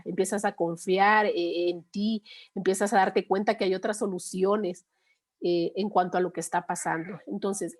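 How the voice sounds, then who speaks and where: A middle-aged woman leads a course session. She speaks at a mid pitch and an even pace, and talks patiently and conversationally. She often pauses to check in with her listeners. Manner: patient, conversational, frequent 'eh' and '¿no?'. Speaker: course instructor. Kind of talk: explaining with everyday examples.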